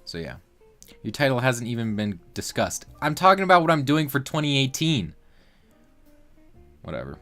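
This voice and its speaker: A man's voice: mid-range voice, big pitch swings, normal speed, long pauses, fairly bright tone, faint music behind. A man in his late teens hosting a casual livestream, rambling along with lots of fillers and restarts. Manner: rambling, loose talk full of fillers and restarts. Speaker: livestream host.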